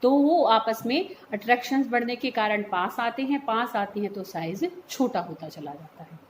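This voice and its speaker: A woman's voice: on the high side, lively intonation, moderate pace. Woman teacher explaining patiently, echoey room. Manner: patient, explains step by step, checks understanding by calling students "beta". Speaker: chemistry teacher. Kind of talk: classroom lecture mixing Hindi and English terms. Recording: echoey room, faint background hum.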